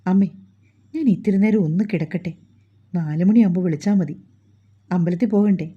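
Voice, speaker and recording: A woman voicing a gruff, short-tempered grown man in a storybook reading, speaking in a stern and curt way, on a dull lo-fi recording. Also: on the low side, brisk.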